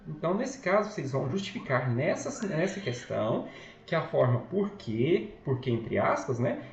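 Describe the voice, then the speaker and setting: A man's voice: fairly high pitch, big pitch swings, normal speed, vocal fry. A man with a Brazilian accent, a school Portuguese teacher recording a lesson at home, talking patiently, often checking in and correcting himself. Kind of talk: recorded online lesson walkthrough. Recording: echoey, slightly dull home recording with faint noise.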